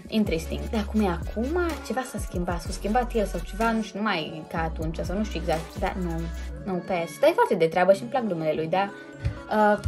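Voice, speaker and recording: A young woman, chatting casually and hesitantly as the host of her own vlog. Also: mid-range voice. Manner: chatty and hesitant, many fillers and self-corrections. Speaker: YouTuber host. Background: background music.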